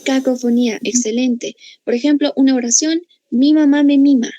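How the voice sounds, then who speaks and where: This language teacher, a woman speaking with a Bolivian Spanish accent, leads a grammar lesson with patient explanations and regular check-ins with her students. Her high, warm voice keeps a fairly even intonation at a moderate pace. The audio is dry and lo-fi.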